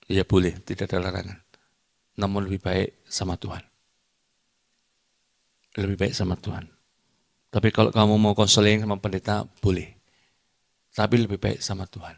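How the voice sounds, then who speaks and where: A middle-aged evangelist preaching a church sermon. He talks emphatically, swings from loud declarations to quiet confiding asides, and jokes with the congregation. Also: deep voice, level tone, moderate pace, creaky, long pauses. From Indonesia. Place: church hall during a service.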